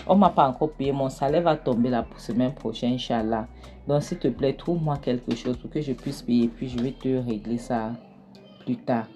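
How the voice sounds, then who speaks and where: A woman's voice: rumbling low, normal speed, warm tone, soft background music. A woman voicing a broke husband asking a friend for money, hesitant and defensive. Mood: pleading. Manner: pleading then indignant, hesitant with fillers.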